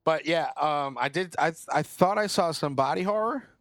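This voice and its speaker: A man's voice: on the high side, normal speed, fairly bright tone, no room sound, clean studio sound. A man co-hosting a casual podcast, rambling with restarts and casual swearing. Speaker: podcast co-host. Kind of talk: casual chat.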